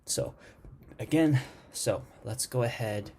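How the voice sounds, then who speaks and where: A man's voice: medium pitch, takes it slowly, a little mellow, a little hiss or hum. A man teaching a coding lesson over his screen, thinking aloud and muttering commands as he types. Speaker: programming instructor. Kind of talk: screen-recorded coding tutorial.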